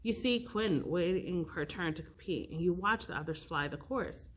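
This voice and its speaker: A woman reading an interactive storybook aloud, expressive and stopping to pick the story's path. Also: lowish voice, normal speed. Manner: expressive, with slips and restarts, rolling dice for choices. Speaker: youth librarian reading aloud.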